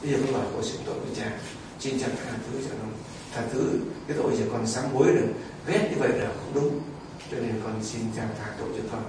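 A man's voice: on the high side, big pitch swings, moderate pace, pauses often, very echoey, recorded from a distance, noisy background. A priest voicing a stubborn aging father in confession. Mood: penitent.

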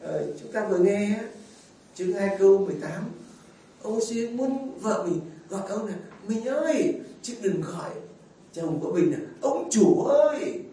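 Older male priest, high voice, folksy homily, heard from a distance in a very echoey church. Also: expressive, normal speed, mellow. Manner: folksy storytelling, fond asides and chuckles. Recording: very echoey hall, mic far off, faint noise.

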